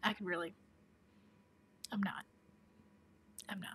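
A chatty woman with a Tennessee Southern accent hosts a casual livestream and answers viewer questions. She laughs often and slips into soft asides. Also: mid-range voice, fairly even intonation, slow, slight background noise. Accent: Southern American (Tennessee).

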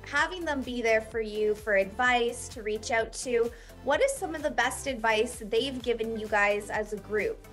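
A woman's voice: on the high side, moderate pace, fairly bright tone, faint music behind. A young woman hosting a video-call interview with a band from a small room, gushing and upbeat. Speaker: host. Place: small indoor room, dark backdrop.

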